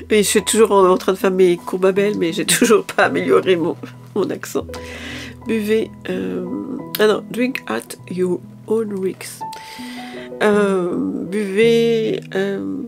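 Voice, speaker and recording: A woman chatting casually through a shopping haul video, a little tired, hesitant, with many fillers and restarts. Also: mid-range voice. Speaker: lifestyle vlogger.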